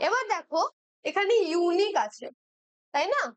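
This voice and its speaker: A woman's voice: very high-pitched, lively intonation, moderate pace, no echo. A young woman with a Bengali accent who teaches English grammar for exam preparation and keeps checking in with her students as she explains each question. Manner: patient, checks in with "right?" often.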